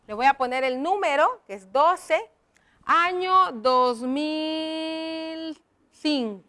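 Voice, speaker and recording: Woman teacher, high pitch, slow explanatory delivery for young pupils. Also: pushed and bright. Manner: slow, explaining step by step, addressing children. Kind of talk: classroom lesson.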